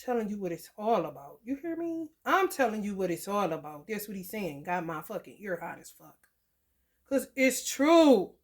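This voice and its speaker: A woman ranting to her viewers in a blunt, profane, animated storytelling way. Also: medium pitch, moderate pace. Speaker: vlogger. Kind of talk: profane rant to camera.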